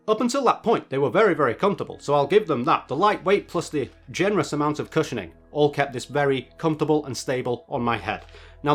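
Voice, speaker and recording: Male reviewer, slightly high voice, chatty and wry, casual review narration over music. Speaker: product reviewer.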